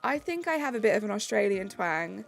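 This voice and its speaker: This British streamer has a mid-range, sing-song voice that moves briskly, with some vocal fry. She chats casually during her game and reads viewers' messages out in a bubbly way, light music underneath.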